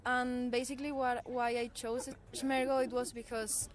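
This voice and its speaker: A woman's voice: on the high side, little pitch movement, normal speed. A woman in her twenties from southern Spain with a Spanish accent, answering radio interview questions in a hesitant way. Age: 20s. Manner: hesitant, with fillers. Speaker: guest volunteer.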